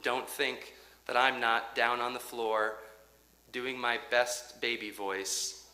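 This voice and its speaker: Male pastor, bright and clear, slow deliberate sermon delivery, reverberant sanctuary. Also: mid-range voice, level tone. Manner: measured, rhythmic preaching with dramatic pauses and quiet drops. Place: church sanctuary. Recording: echoey church sanctuary.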